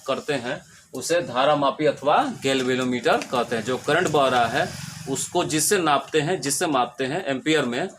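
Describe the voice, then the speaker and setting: Man, physics teacher, rhetorical questions, repeats points, homely jokes, faint background hiss. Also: mid-range voice. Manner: asks questions and answers them himself, repeats points; colloquial, jokes with homely analogies. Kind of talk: classroom lecture.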